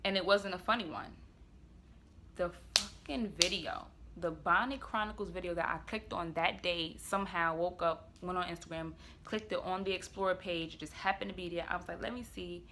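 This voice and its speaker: A woman vlogger telling a personal story to the camera in an earnest, confessional way, often going quiet, with blunt words now and then. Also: on the low side, steady tone, moderate pace, background noise. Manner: blunt, with occasional swearing.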